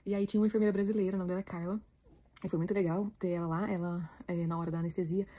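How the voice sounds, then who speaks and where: A Brazilian woman with a Brazilian Portuguese accent, chatting to her viewers in a rapid, emotional way as she retells her story. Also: on the low side, fairly even intonation, warm tone. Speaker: vlogger, new mother.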